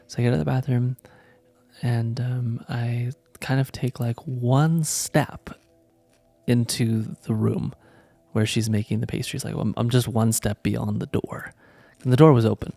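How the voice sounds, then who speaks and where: A man co-hosting a casual spiritual chat, telling a story with laughter and sudden loud, high exclamations. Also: fairly even intonation, a little slow, creaky, no room sound.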